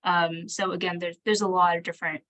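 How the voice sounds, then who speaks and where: Lowish-voiced woman fielding questions, tentative. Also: level tone, a little fast, fairly bright tone. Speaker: training presenter, local government staffer. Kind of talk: spontaneous answers in an online Q&A.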